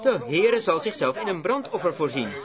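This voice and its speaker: Man preaching with fervor, high and lively voice, dull lo-fi recording, congregation heard behind him. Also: normal speed, crowd noise. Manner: emphatic, fervent exhortation. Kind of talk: sermon.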